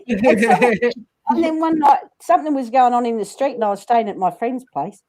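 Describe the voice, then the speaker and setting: A woman's voice: on the high side, expressive, normal speed, darkish tone. An Australian woman telling funny stories in casual chat on a video call, laughing often and acting out the voices she quotes. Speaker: livestream host.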